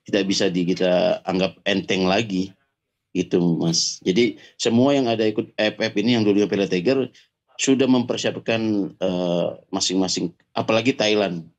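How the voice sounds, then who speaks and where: A man's voice: deep voice, moderate pace. A man in his forties, a guest and former national team striker, answers hesitantly with many fillers over a remote call line that keeps breaking up. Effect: call line with dull, lo-fi sound that keeps breaking up. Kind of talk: casual interview answers.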